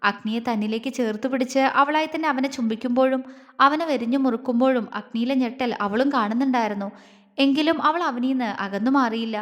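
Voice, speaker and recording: A woman storyteller reading a romance serial in a soft, steady voice. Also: high-pitched. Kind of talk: scripted romance narration. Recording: long hall reverb.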